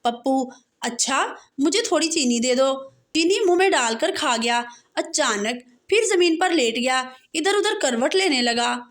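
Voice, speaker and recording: A woman's voice: high-pitched, expressive, measured pace, few pauses. A woman reading out a string of short jokes, with a laugh track between punchlines. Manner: punchlines followed by canned laughter. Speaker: joke teller.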